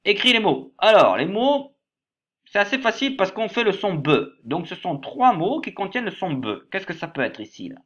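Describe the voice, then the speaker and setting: A man teaching a workbook lesson to young pupils, slowly spelling words letter by letter and stressing each syllable. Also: sits high, big pitch swings, fairly bright tone, dull audio.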